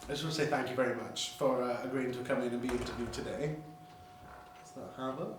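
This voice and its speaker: A man's voice: mid-range voice, fast. A man interviewing a guest, reading questions and encouraging her with short agreements. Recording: very echoey, far from mic, faint noise.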